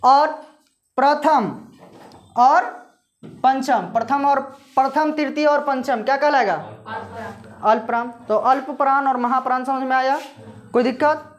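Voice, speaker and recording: A woman's voice: high voice, fairly even intonation, measured pace, long pauses, muffled recording. A woman teacher giving a grammar lesson, asking questions and answering them herself while she repeats the key terms.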